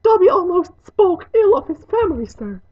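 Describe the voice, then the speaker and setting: Woman voicing Dobby, a shrill, excitable house elf. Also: moderate pace, dull audio. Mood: anxious, submissive. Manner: speaks of self in third person, deferential. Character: earnest, servile male house elf, tearful and excitable.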